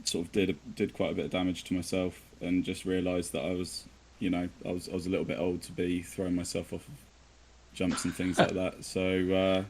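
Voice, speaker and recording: Low-pitched man with a West Country accent. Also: completely flat delivery, fairly quick, darkish tone, low-quality recording. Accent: English West Country. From southwest of England. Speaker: podcast guest. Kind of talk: casual chat.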